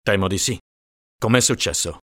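A woman's voice: very deep voice, normal speed, fairly bright tone, no room sound, studio quality, voice pushed down. A woman reading an audiobook and voicing matter-of-fact male police officers who ask short questions. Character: gruff male police officers, calm and businesslike.

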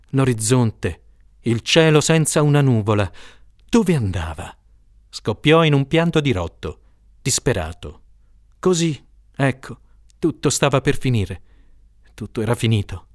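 A man narrating an audiobook in a steady, expressive reading voice. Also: medium pitch, no echo, clean studio sound.

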